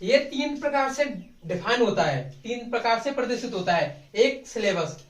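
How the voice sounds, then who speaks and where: A man's voice: very high-pitched, expressive, normal speed. A male teacher giving a grammar lesson in Hindi, often asking a question and then answering it himself. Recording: echoey classroom from far off.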